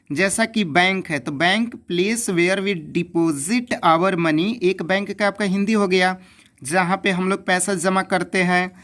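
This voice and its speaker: Female English teacher, unhurried, repeats each point to drill it in. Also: medium pitch. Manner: repeats points, asks and answers own questions. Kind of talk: classroom grammar lesson.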